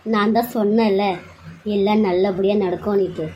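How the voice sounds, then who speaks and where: A woman voicing a pampered, sharp-tongued young bride in a cartoon serial, coaxing and pleading. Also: mid-range voice, steady tone, normal speed, muffled recording, a little hiss or hum, close to an everyday voice.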